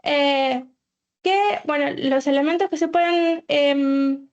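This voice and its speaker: A woman's voice: high voice, steady tone, takes it slowly, highs cut off. A woman from Argentina with an Argentine Spanish accent, a full stack developer giving a tech talk, hesitant and full of filler sounds.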